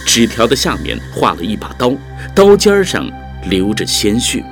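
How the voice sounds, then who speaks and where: A man narrating a dramatic audiobook story in a vivid, expressive storytelling voice, over background music. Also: on the low side, moderate pace.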